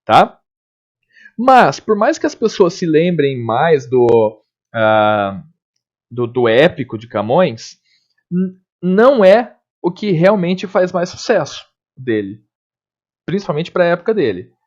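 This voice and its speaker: A man teaching a literature lesson in a casual manner, checking in with his students often and slowing down to recite poems. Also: a little high, big pitch swings. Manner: slows down when reciting poems. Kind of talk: classroom lecture. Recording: dull lo-fi recording.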